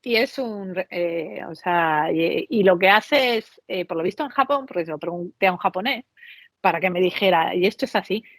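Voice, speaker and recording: A woman from Mexico and Spain, a podcast guest, telling stories in an animated, chatty way and often checking in with tag questions. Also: fairly low pitch, normal speed, no echo. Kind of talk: conversational interview.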